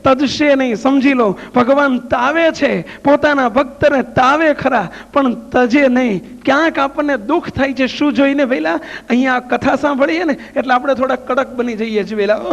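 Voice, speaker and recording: A man's voice: very high-pitched, normal speed, gravelly. A man, a monk preacher, giving a devotional sermon with folksy anecdotes, asking rhetorical questions and repeating phrases. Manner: storytelling, folksy. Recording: echoey hall, dull lo-fi sound.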